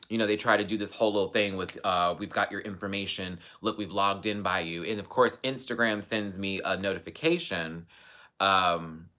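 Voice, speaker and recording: A man's low, pushed, bright voice carries his casual livestream chat as host. Sassy and emphatic, he vents to viewers in colloquial language and leans on repeated phrases for stress.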